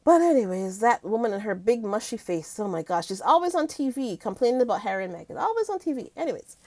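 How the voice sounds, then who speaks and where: A woman vlogging in a loose, chatty way, gushing to her viewers and calling them guys. Her voice sits a little high and swings widely in pitch. The sound is dry and close, with no room echo. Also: sing-song, fast, a little mellow. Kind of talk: casual commentary chat.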